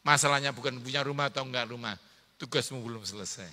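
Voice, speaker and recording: Bright East Javanese preacher, reverberant hall. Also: male voice, medium pitch, quick pace. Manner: joking, teasing the congregation, calls for amen. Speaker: pastor. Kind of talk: sermon.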